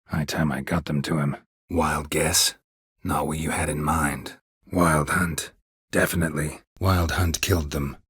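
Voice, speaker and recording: A world-weary monster hunter from a fantasy video game speaks in a deep, extremely husky, gravelly voice, exaggerated and gruff. His phrases are clipped, terse and deadpan. The recording is dry and close, with no echo.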